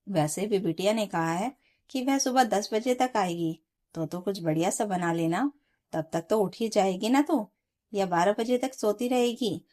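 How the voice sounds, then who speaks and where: Field-by-field: Figure: stern, scolding mother-in-law, played by a woman. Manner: sharp, nagging, sarcastic. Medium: storybook narration. Pitch: mid-range. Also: lively intonation, normal speed, lightly acted.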